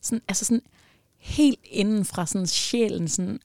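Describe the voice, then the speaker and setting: Gravelly-voiced young Danish-speaking woman. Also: mid-range voice, no room sound, clean studio sound. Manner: emotional, animated retelling with many fillers. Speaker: guest. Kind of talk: personal storytelling in a podcast interview.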